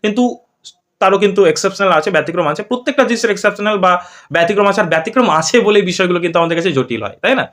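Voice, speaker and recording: Male teacher, high voice and a fast pace, drills spelling letter by letter. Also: expressive, a bit bright. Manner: repeats words slowly, spells them out letter by letter; asks learners for agreement again and again. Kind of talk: online spelling and pronunciation lesson.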